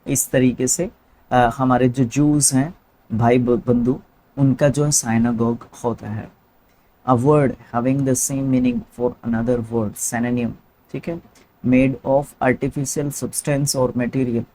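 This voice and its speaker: A man of medium pitch with a mellow, relaxed tone teaches English vocabulary for exams. He reads each definition slowly and deliberately, then explains it in a loose, conversational way with plenty of fillers. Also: slight background noise, rough recording. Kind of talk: exam-prep lesson in Hindi.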